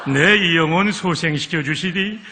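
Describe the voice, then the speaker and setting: A man's voice: fairly high pitch, measured pace, sharp tone, pitched above the performer's own voice. A man voicing a speaker who recites a psalm in a Pyongan dialect, in a sing-song and laughing way. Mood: playful.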